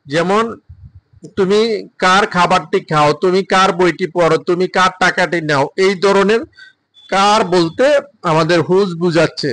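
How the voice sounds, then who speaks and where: A man with a Bengali accent teaching English, drilling sentences slowly with translations and frequent "ah" fillers. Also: high-pitched, fairly bright tone, dry recording, rough recording. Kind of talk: bilingual language lesson.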